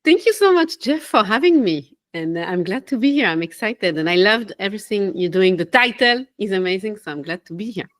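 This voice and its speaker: A young woman from Switzerland, a life coach and podcast guest, talking in an animated, casual way with small laughs and self-corrections. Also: mid-range voice, fairly quick, few pauses. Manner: animated, laughs between phrases, loses her train of thought. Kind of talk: casual interview talk.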